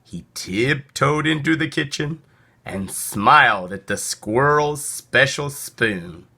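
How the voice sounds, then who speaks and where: A man reading a children's story aloud in a theatrical, deliberate narrating style. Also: mid-range voice, lively intonation, creaky, pushed and bright, breathy edge. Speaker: storybook reader.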